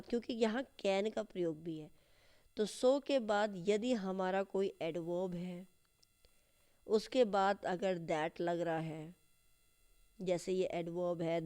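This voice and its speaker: A woman teaching English grammar and literature in a lesson that walks through an exam paper, explaining in Hindi and slowly dictating English sentences. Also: on the low side, darkish tone. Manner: slow, deliberate dictation of English phrases.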